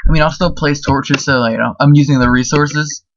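A man's voice: on the high side, fairly even intonation, brisk, a bit bright, muffled recording, a little hiss or hum. A man giving casual, rambling let's-play commentary as a gaming video host, full of fillers.

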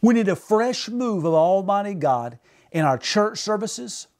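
A man's voice: high voice, measured pace. A man in his forties, a pastor preaching a fervent sermon from a home office, gesturing and calling out for amens. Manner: fervent preaching with animated gestures, calls of amen. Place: home office with purple lighting.

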